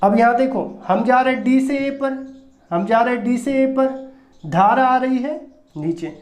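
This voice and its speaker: A physics teacher giving a recorded lecture, repeating each step and asking quick rhetorical questions to check understanding. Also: medium pitch, a little mellow. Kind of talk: recorded classroom-style lecture. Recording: roomy echo.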